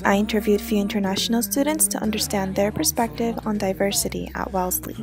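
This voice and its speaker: A young woman narrates a student documentary at a middle pitch. Her reading is slow and measured. Light music sits under her voice. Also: fairly even intonation. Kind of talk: scripted narration.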